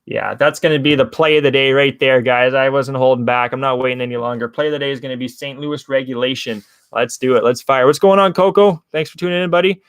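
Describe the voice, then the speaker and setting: A young man hosts a casual hockey betting livestream, rambling through his picks and chatting with viewers, whom he calls "guys." His medium-pitched voice is level, quick and nearly pause-free, slightly bright with a clear, resonant tone. The recording is dry.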